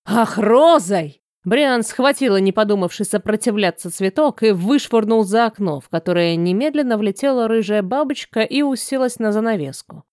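A woman narrating a fantasy audiobook in an expressive, measured way. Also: medium pitch, clean tone, no room sound, clean studio sound.

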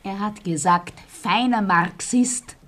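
An actress playing a meek, wounded middle-aged wife in a radio play, timidly protesting in a husky, breathy voice. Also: female voice, mid-range voice, slow pace, fairly bright tone, slight background noise. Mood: timid, defensive. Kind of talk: theatrical radio play acting.

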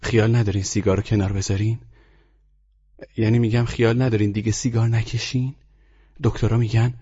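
A man's voice: lowish voice, little pitch movement, mellow, breathy edge, dull audio, voice pushed up. Man putting on a curious teenage girl. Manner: persistent, questioning. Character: inquisitive polite teenage girl.

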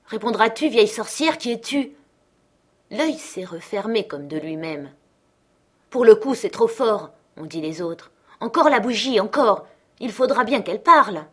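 A woman narrating a classic novel as an audiobook, expressive and dramatic, slowing down on key phrases. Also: on the low side. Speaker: audiobook reader.

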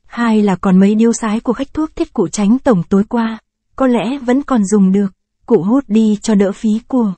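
A woman narrating a short story in a measured, expressive way. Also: mid-range voice, no echo.

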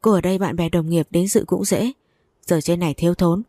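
A woman's voice: on the low side, fairly quick, dark tone, no echo, close to an everyday voice. A woman voicing a caring but bossy older woman who scolds and fusses over a young woman in an audio story. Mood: fussing. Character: brisk caring older woman, future mother-in-law.

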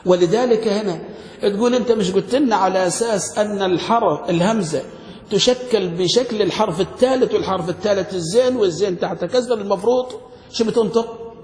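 A man's voice: sits high, quick pace, a little mellow. A man, teaching a grammar lesson as a sheikh and constantly quizzing his students. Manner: quizzing students with frequent questions. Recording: echoey hall.

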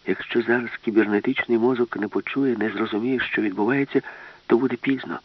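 A man narrating an audiobook with a lively, expressive reading. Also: medium pitch, fairly quick. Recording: dull, lo-fi, dry.

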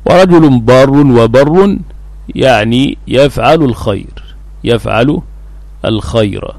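A man teaching as a sheikh, explaining a classical text in a recorded lesson and repeating words slowly for emphasis. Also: medium pitch, vocal fry, darkish tone, no room sound.

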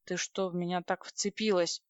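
A woman reading an audiobook voices a gruff, sarcastic young male officer who grumbles curtly, on a dry, slightly dull recording. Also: lowish voice, flat delivery, moderate pace, dry recording, close to an everyday voice. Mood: grumbling.

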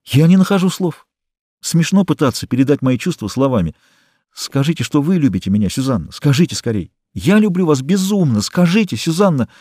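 A man's voice: medium pitch, expressive, a little fast, darkish tone, husky, no room sound, studio quality, pitched above the performer's own voice. A man voicing a passionate young male artist who pleads with the woman he loves, reading in an audiobook. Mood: pleading. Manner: pleading, impassioned.

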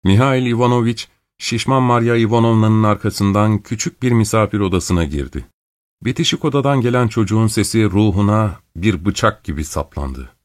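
A man reading a classic novel aloud, calm and measured. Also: no room sound, clean studio sound. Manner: calm, measured reading; raises pitch for female characters' quoted lines. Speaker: audiobook narrator. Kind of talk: scripted literary narration.

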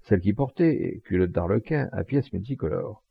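A man's voice: sits low, normal speed, creaky, breathy edge, no room sound, muffled recording. A man reading a classic novel aloud as an audiobook, narrating expressively. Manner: expressive storytelling. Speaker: audiobook reader. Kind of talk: scripted narration.

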